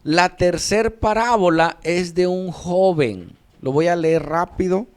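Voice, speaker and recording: Slow, higher-voiced male pastor teaching. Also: smooth. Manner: asks the audience questions and answers them himself; reads scripture aloud with raised emphasis. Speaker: pastor teaching a sermon workshop. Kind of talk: teaching sermon workshop.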